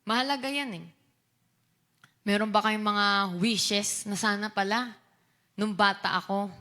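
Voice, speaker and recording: A woman's voice: mid-range voice, fairly even intonation, measured pace, bright, forceful tone. A young woman giving a casual youth sermon in Taglish, mixing Tagalog and English, chatty, asking her listeners questions. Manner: chatty Taglish preaching, asks the crowd questions. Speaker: youth preacher and voice teacher.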